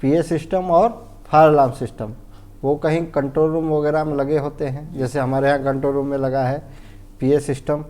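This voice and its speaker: This Indian-accented man has a fairly high, dark-toned voice delivered flatly and fairly quickly. Teaching fire safety informally, he explains step by step, repeats things, frequently makes sure he's followed, and questions himself as he goes.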